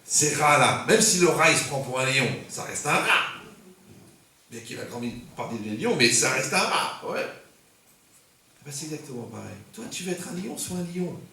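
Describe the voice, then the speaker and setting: Gravelly rabbi preaching in an echoey hall. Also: male voice, mid-range voice, big pitch swings, moderate pace, bright, forceful tone, far from the mic. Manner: joking, punchy, rhetorical questions to the audience. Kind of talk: humorous sermon to a congregation. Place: community center hall. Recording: echoey hall recorded from afar, faint noise.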